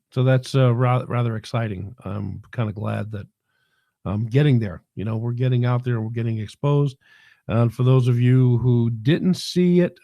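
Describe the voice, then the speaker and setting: Casting note: middle-aged New York man, mellow throaty voice with a cold, dry close mic, rambling livestream host. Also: mid-range voice, no room sound. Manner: rambling, many fillers and restarts. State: head cold settled in throat. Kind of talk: casual livestream chat.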